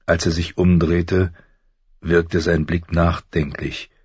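A man narrating a story in a calm, measured style. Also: low-pitched, husky, dry recording, dull audio. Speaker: audiobook narrator. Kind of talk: scripted narration.

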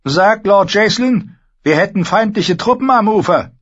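A man's voice: high voice, expressive, normal speed, a bit bright, slightly rough, pitched above the performer's own voice, exaggerated voice. A man playing a curt, commanding dwarf lord. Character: sharp-tongued dwarf lord commanding troops. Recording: slightly dull lo-fi recording.

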